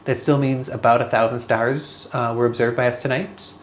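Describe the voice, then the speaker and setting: An astronomy observer, a man with a mid-range voice, talks at normal speed with flat delivery while working through an observing task. It's casual vlog-style thinking aloud, a bit hesitant, recorded in an echoey room with faint background noise.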